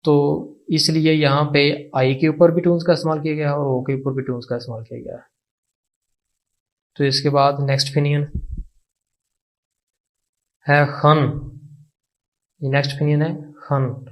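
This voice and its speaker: A man's voice: on the high side, flat delivery. A man with a Pakistani Urdu accent teaching an online language lesson, patient and repeating each word for practice. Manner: slow, patient, repeats words for drill.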